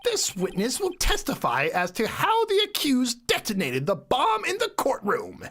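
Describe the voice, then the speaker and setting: A man's voice: very high voice, huge pitch swings, normal speed, fairly bright tone, a little hiss or hum, pitched above the performer's own voice, exaggerated voice. A man voicing a male prosecutor in a courtroom game, speaking formally. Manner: formal, declarative.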